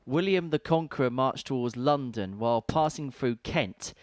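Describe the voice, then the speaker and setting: A man's voice: mid-range voice, moderate pace, a little mellow, no room sound, studio quality. A man giving live darts commentary in a chatty, wordy way with playful turns of phrase.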